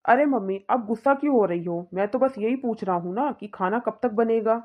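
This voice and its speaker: A woman voicing a young married son in a cartoon, calm and reasoning. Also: fairly high pitch, a little fast, dull audio, natural voice.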